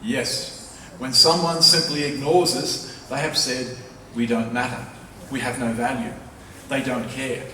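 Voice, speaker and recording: In a spacious university lecture hall, a male professor gives a public talk in a pushed, bright voice of medium pitch. He presses his case persuasively, stressing points by repeating important phrases. The distant microphone picks up echo and faint background noise.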